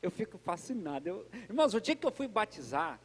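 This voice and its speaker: A man preaching as pastor at a church service, talking in a lively, chatty way and addressing the congregation directly. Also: sits high, a little fast, slightly rough, in a large hall. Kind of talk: conversational sermon.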